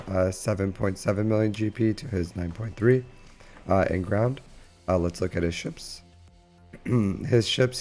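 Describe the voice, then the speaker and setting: A man with a slightly low voice talks through gameplay in a casual, halting way. He sounds under the weather, as if recording while sick. Faint music plays behind his voice. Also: darkish tone. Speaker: host of a gaming channel.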